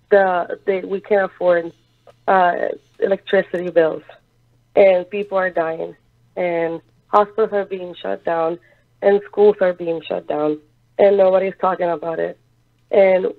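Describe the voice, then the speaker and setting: Earnest woman caller on a tinny phone line. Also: medium pitch. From Puerto Rico. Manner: earnest, halting, with many fillers. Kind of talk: call-in radio comment.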